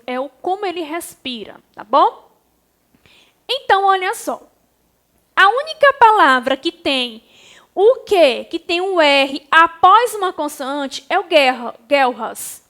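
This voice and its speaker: A Brazilian woman with a high voice teaches young children in a recorded class. She speaks slowly and patiently, calling them affectionately and guiding each step of the exercise. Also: fairly bright tone. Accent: Brazilian Portuguese. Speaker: primary school teacher.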